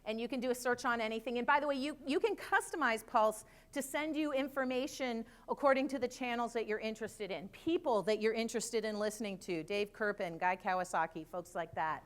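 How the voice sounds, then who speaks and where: A middle-aged woman giving a live conference talk, lively and chatty with joking asides. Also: a little high, fairly quick, hardly any pauses, clean tone. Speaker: conference speaker. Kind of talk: live presentation to an audience.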